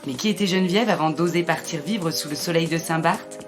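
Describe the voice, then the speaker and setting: A woman's voice: on the low side, fairly quick, over music. French woman hosting a podcast. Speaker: podcast host. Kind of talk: scripted intro then casual interview.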